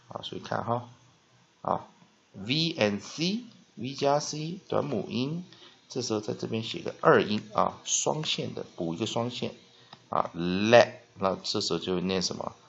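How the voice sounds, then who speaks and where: A man's voice: on the low side, animated, a little slow, vocal fry, fairly bright tone. A man teaches English vocabulary at a whiteboard, explaining step by step, spelling words out and often drawing out a filler "ah". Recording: dull lo-fi recording.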